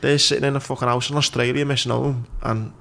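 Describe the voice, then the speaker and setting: A man's voice: medium pitch, level tone, fast, vocal fry, fairly bright tone. A man in his thirties with a Liverpool accent, chatting casually and swearing freely as a podcast host. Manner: sweary, informal. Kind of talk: casual chat. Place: small office studio, indoors. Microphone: desk microphone.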